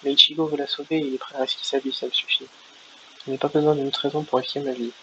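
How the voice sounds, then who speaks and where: A man's voice: mid-range voice, flat delivery, fast talker, sharp tone. A man voicing a determined teenage swordsman hero, reading game dialogue aloud in a plain, earnest way, on a lo-fi recording. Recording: lo-fi with faint hiss.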